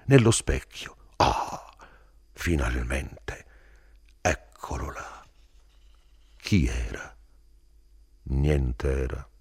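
A man giving a theatrical literary reading, sinking into whispers and then swelling louder. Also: very deep voice, slightly rough, no echo, studio quality. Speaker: reader.

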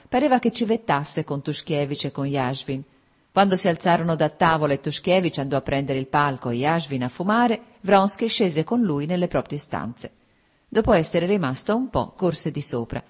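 A woman reading an audiobook, narrating a classic novel in a measured, expressive way. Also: deep voice, breathy edge. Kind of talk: scripted literary narration.

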